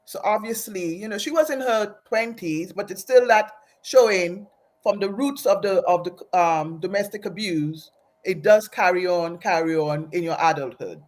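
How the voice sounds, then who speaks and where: This woman's medium-pitched voice is a little mellow and moves at a moderate pace. Born in Aruba and raised in Trinidad, she tells her own story as an interview guest, earnest and reflective, frequently beginning phrases again.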